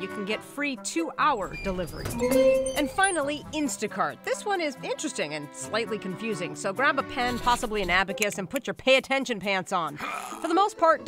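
Wry woman reporter over a music bed. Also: fairly high pitch. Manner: wry, breezy. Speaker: news reporter. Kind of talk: scripted news narration with jokes.

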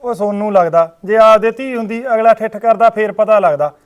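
A man's voice: high voice, brisk, smooth, muffled recording, close to an everyday voice. A man playing a son arguing with his mother. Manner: arguing, reasoning. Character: adult son defending his sister-in-law. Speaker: actor in a short film. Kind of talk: Punjabi village short-film drama.

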